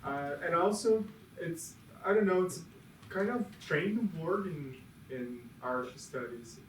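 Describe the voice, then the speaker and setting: A man's voice: a little high, animated, takes it slowly, slight background noise. A man whose first language is Portuguese speaking hesitantly on a panel, searching for words. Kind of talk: panel discussion. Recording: echoey room, far from mic.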